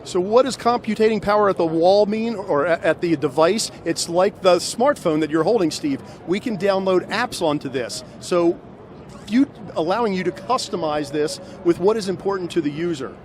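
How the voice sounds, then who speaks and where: In a large, busy indoor trade show hall, a middle-aged man demonstrates and promotes products conversationally through a handheld microphone. His voice is high with lively intonation, and his pace is moderate. Noise from the exhibition hall is clearly heard in the background.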